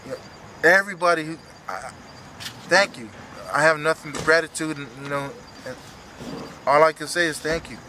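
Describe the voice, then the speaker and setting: A man in his thirties speaking emotionally and haltingly in an earnest, unscripted post-fight interview as a retiring fighter. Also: fairly high pitch, bright, forceful tone, a little hiss or hum. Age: 30s. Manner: halting, earnest, repeats himself.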